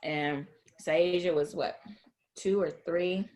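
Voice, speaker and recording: A woman's voice: on the low side, takes it slowly. A woman telling a story in casual chat, acting out what others said. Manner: lively storyteller, acts out quotes.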